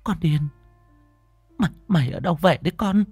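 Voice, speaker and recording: Brief: man putting on a scolding old grandmother for a ghost story, raised, fretful voice over soft music. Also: high voice, animated, husky, dry recording, voice pushed up, exaggerated voice. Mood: worried, scolding. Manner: fretful, scolding, rapid questions. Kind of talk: storytelling narration.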